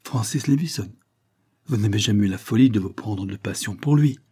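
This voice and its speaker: A man voicing a stern, blunt older earl who questions pointedly, in a husky voice. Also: on the low side, a little fast, dark tone. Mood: stern, probing. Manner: pointed, questioning, rising emphasis.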